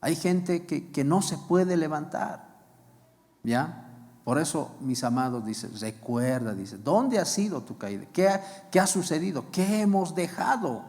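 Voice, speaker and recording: A man's voice: a little high, lively intonation, measured pace, a little mellow. A man preaching a sermon as pastor, asking rhetorical questions and repeating key phrases. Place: church hall. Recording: long reverb of a church hall.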